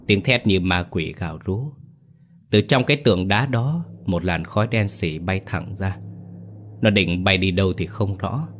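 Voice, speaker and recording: A man narrates a horror story in a dramatic, ominous way. His voice is very low. Quiet music plays underneath.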